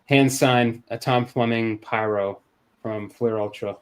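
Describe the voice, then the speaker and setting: A man's voice: mid-range voice, fairly even intonation, slow, clear, resonant tone. A man hosting a casual live-stream card giveaway over a video call, loose and chatty, often restarting his sentences.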